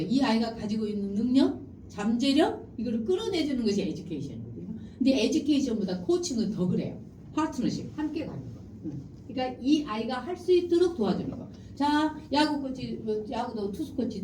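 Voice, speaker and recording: A middle-aged woman giving a lively lecture on parenting. She acts out short parent and child lines as she teaches. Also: on the high side, distant mic, slight background noise. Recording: roomy hall, speaker away from mic.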